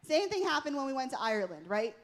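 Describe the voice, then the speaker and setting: A woman speaks from a church stage in an earnest, storytelling way. Her voice is somewhat higher than average, and she leans on "um" and "right?" as she talks. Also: big pitch swings, fast. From Pennsylvania. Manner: earnest storytelling, tag questions. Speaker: worship leader, guest speaker. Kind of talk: conversational sermon. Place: church stage before a congregation.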